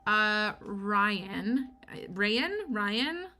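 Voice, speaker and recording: A tired woman from the United States with a Michigan accent hosts a co-working livestream, her mid-range voice animated and sharp in tone, with drawn-out words. She rambles and chats with viewers, answering chat questions self-deprecatingly. Lofi music plays, and there's slight background noise.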